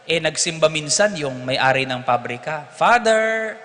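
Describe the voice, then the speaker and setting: High bright-voiced priest preaching. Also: male voice, a little slow. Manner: animated storytelling, mixing in English lines. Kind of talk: sermon at live Mass. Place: large church. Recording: echoey church hall.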